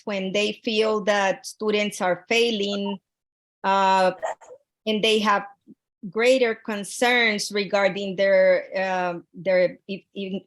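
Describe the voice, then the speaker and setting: Earnest woman from Honduras presenting. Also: medium pitch. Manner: earnest, with frequent fillers and restarts. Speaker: graduate student presenting a research proposal. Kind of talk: presenting to a panel over a video call.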